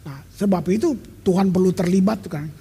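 A middle-aged pastor preaches a sermon in a high-pitched, warm, husky voice, speaking a little fast. His delivery is emphatic and conversational, sprinkled with English phrases, and the recording carries the long reverb of a large hall.

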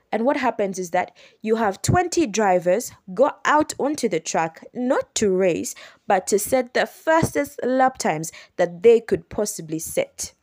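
A woman's voice: medium pitch, darkish tone. A woman in her young adult years hosts her own podcast, talking close to the mic in a mid-range voice. She walks listeners through each rule patiently and step by step, circling back to repeat and rephrase herself as she goes. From Uganda. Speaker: podcast host. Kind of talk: explanatory solo podcast.

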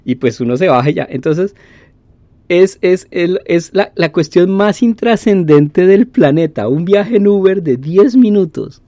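A man telling a casual story, animated, acting out voices with playful sound effects. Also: high-pitched, a little slow, no echo.

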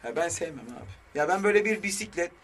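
A man's voice: high voice, fast talker, fairly bright tone. A man co-hosting a radio show, riffing playfully and trading jokes with his partner. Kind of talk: casual comedic radio banter.

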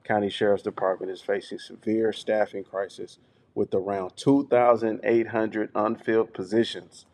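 A middle-aged man with a lowish voice co-hosts a relaxed group podcast. He tells stories at an easy pace, backing up to repeat words and checking in with his listeners as he goes. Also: normal speed, creaky. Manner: storytelling, repeats words, often says "you know what I'm saying". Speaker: podcast co-host. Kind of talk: casual group chat.

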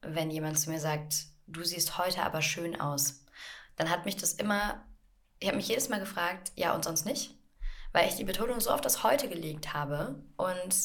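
A woman co-hosting a casual podcast about communication, explaining with animated examples and acting out inner thoughts. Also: fairly low pitch, normal speed, creaky. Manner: animated storytelling, acts out inner voices. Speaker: podcast co-host, coach.

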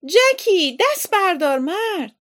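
Storybook aunt, middle-aged, bossy and bustling, high-pitched and gravelly, woman reader doing her. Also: animated. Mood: shouting. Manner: shouting and chattering eagerly.

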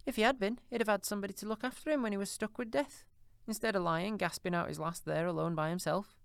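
A brazen, scheming old charwoman voiced by a man shrills and cackles through her defiant lines, pitched far above a natural speaking voice. The sound is close and dry, as in an audiobook booth. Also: fairly even intonation, fast, creaky, smooth, no echo. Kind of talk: audiobook character reading.

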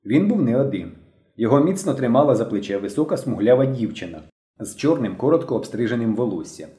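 A male narrator reads the story with lively, swinging intonation. His tone is mellow and dark, and the recording sits in a roomy space with clear echo. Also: medium pitch, quick pace. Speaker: audiobook narrator. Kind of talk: scripted narration.

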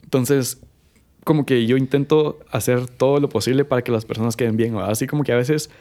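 A man's voice: medium pitch, steady tone, a little fast, dark tone. A man chatting casually as a photographer guest, rambling with many fillers and quoted asides. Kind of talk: casual chat.

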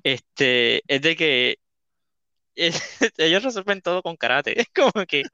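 A man's voice: a little high, sing-song, takes it slowly, sharp tone, clear, resonant tone, no echo, highs cut off. A young man, hosting a casual podcast chat, laughing and tossing in English words. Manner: laughing, mixes English words, acts out quotes. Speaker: podcast host.

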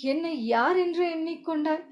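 A woman's voice: very high-pitched, moderate pace. Storybook audio: woman narrator voicing a stern, suspicious prince, clipped demanding questions, lo-fi sound. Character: commanding prince, middle-aged man, suspicious. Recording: dull lo-fi audio.

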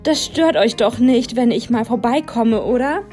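A woman's voice: fairly high pitch, normal speed, darkish tone, faint music behind, lightly acted. A woman voicing an eager, chatty teenage girl in a storybook, bubbly and a little pushy.

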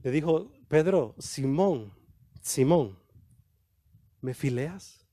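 High-voiced, animated male preacher. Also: no echo. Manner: animated preaching, acting out quoted dialogue with slow emphatic lines. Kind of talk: sermon.

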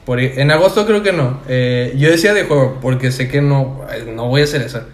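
A young man speaks Spanish with a Mexican accent in relaxed podcast banter. He talks loosely, piling up slang and trailing off mid-word before starting again. His voice sits at an ordinary pitch for a man, and the room around him sounds echoey. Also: fairly quick. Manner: slangy, laid-back, stumbling restarts. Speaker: podcast co-host. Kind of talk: casual chat.

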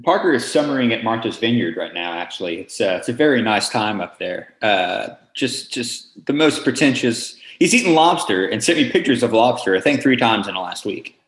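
A man's voice: on the low side, expressive, reverberant. A man hosting a podcast, chatting casually and teasing his co-host with jokes. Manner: quick, joking, teasing.

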